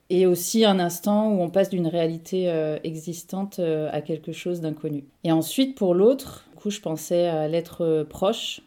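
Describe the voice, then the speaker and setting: A woman answering questions in a casual interview, thinking aloud with frequent pauses and fillers. Her voice sits low for a woman, dark and mellow in tone. She sounds reflective and searching for her words. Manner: thoughtful, hesitant with frequent fillers. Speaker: interview guest.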